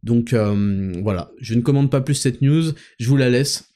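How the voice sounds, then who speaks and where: A man's voice: mid-range voice, measured pace, warm tone. A young man hosting a casual monologue vlog while walking, talking in a crude, rambling, ranting way. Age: young adult. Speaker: host.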